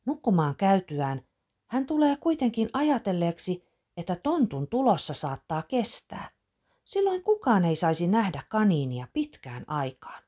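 A woman reading a children's storybook aloud with expressive narration. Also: medium pitch.

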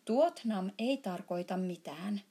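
A woman voicing a big, friendly, muddled male giant who mangles his grammar and shouts now and then in a storybook reading. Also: animated, husky. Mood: booming muddled. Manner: jumbled grammar, booming shouts.

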